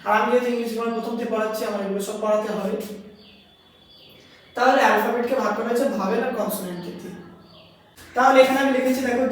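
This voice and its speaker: A high-voiced woman teaches a grammar lesson, repeating each point and asking questions as she explains. She sits back from the mic, and her voice rings around a very echoey room. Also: recorded from a distance, a little hiss or hum.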